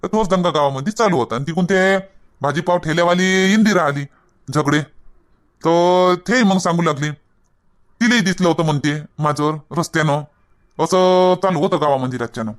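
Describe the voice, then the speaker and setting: A man with a fairly high voice and a Varhadi Marathi accent speaks bluntly and gruffly. He plays a scolding husband in a village comedy skit. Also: moderate pace. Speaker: husband and father in a comedy sketch. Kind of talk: scripted comedy skit dialogue.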